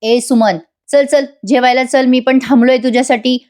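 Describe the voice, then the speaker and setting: Pushy scheming guy, kinda high, woman narrator reading his lines. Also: steady tone, moderate pace, darkish tone, lightly acted. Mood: insistent. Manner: insistent, coaxing. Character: scheming middle-aged man, pushy brother-in-law.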